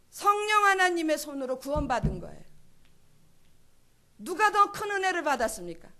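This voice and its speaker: Woman preacher w a high voice, emphatic church sermon, keeps asking the crowd questions. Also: sharp tone. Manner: emphatic, asks many rhetorical questions. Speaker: pastor's wife preaching. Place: church service.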